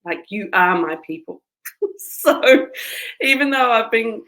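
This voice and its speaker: Kiwi woman, community manager talking straight to her members, earnest and emotional, bit of a gravelly fry in the voice. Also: fairly high pitch, lively intonation, slow, fairly bright tone, rough recording. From New Zealand. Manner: emotional, earnest, tearful at times. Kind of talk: heartfelt personal address to camera.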